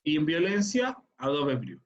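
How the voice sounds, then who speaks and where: A man gives online class instruction, his voice sitting fairly high and very animated yet unhurried. He walks through each step patiently, confirming students are keeping up. The sound is muffled and lo-fi, with slight background noise.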